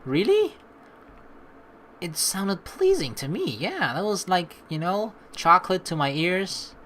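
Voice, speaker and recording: A young man with a high-pitched voice gives chatty let's play commentary, reading game text aloud and reacting animatedly as he goes. He speaks slowly, and a little hiss or hum is audible.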